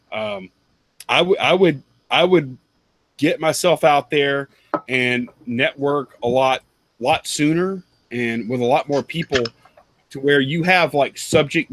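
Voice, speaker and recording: Guy in his 30s on a headset call, kinda high voice, dry close sound, rambles and restarts a lot. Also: fairly bright tone, dry recording. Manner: rambling, self-correcting, laughs often. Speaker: panelist, reseller. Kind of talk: casual video call chat. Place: home room with collectibles. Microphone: headset on video call.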